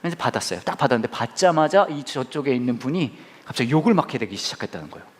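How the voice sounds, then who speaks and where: A man preaching a sermon as a pastor, telling a story in an animated, conversational way. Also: mid-range voice, rapid-fire.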